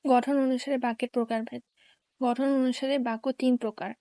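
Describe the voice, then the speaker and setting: A woman teacher slowly reading grammar rules and examples in a careful, dictation-like way. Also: fairly high pitch, flat delivery, mellow, no room sound.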